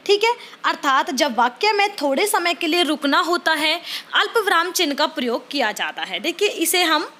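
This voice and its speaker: A woman's voice: very high voice, very animated, moderate pace, sharp tone. A young woman giving a chatty online lesson, mixing in English and often saying "see" and "okay". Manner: chatty, repeats "dekhiye" and "theek hai". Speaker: online teacher for teacher-training exam. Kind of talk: casual Hindi-English lecture.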